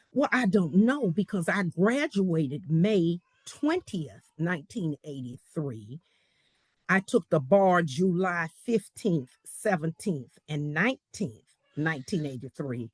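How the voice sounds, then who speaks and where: A woman tells a courtroom story at an unhurried pace. Her pitch swings widely as she acts out each person she quotes. The voice is slightly husky and recorded dry and close. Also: no echo. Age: 60s. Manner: animated storyteller acting out the people she quotes. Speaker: law professor. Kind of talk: storytelling interview.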